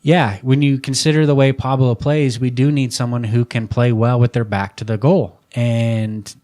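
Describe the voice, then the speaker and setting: A man co-hosting a podcast, chatting casually about soccer, opinionated and excitable, swearing now and then. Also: medium pitch, moderate pace. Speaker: podcast co-host. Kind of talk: casual sports chat.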